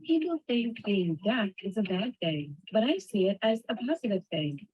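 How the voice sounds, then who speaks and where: A woman giving a spoken translation voice-over for a signing person, speaking a first-person account in a steady, earnest way, heard as dull lo-fi sound from a played video. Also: mid-range voice, normal speed, breathy edge.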